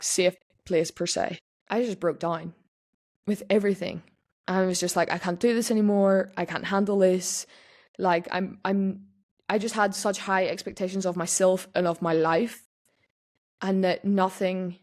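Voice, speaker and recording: Young woman on a podcast, lowish voice, chatty and candid, keeps restarting sentences. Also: darkish tone. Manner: frank and chatty, with many restarts and "like" fillers. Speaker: podcast host. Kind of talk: candid personal podcast talk.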